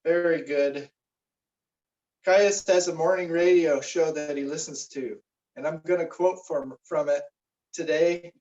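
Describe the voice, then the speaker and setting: A man leading a guided meditation and warm-up stretches, giving slow, relaxed instructions with frequent fillers. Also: on the high side. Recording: roomy, distant, dull recording.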